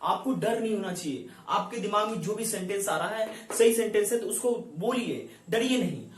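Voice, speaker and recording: A young man with an Indian accent runs an online English lesson and keeps calling his viewers friends. His voice sits high for a man. It sounds distant and bounces around a reverberant room. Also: normal speed, a little hiss or hum. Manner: keeps saying "dosto", addressing viewers directly. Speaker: English-speaking teacher. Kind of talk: YouTube lesson.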